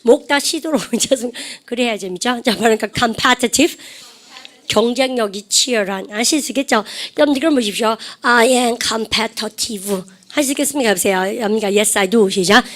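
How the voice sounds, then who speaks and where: A woman's voice: a little high, moderate pace, fairly bright tone. A woman English teacher giving a chatty vocabulary lecture, prompting the class to repeat phrases and laughing often.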